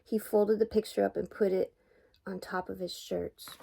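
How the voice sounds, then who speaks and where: An older woman, a grandmother, reading a storybook aloud in a soft, affectionate, unhurried way. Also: medium pitch, little pitch movement, creaky, slightly rough.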